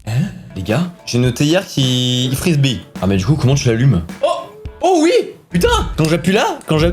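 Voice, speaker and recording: A young man vlogging from a small studio, his high voice leaping wildly up and down as he jokes crudely and yelps at each new gadget. Soft music plays underneath. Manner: hyper, crude joking, yelping reactions. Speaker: YouTuber. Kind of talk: excitable product-testing vlog.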